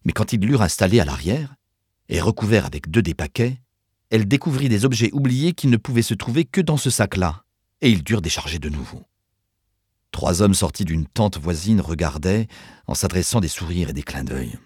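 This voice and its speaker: A man narrating an audiobook in an expressive storytelling manner. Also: low voice, normal speed, slightly rough, dry recording, clean studio sound.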